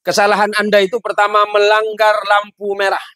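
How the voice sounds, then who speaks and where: A man's voice: high-pitched, monotone, a little fast, pushed and bright, no room sound, studio quality, pitched above the performer's own voice. A man acting out a stern male traffic policeman who questions a driver in a joke. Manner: bossy, questioning.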